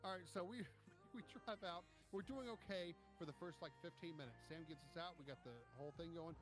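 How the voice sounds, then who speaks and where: A man telling a long trip story in casual chat, animated and profane, acting out what people said. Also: a little high, a little fast, over music. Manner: animated, profane, acts out quotes. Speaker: podcast co-host.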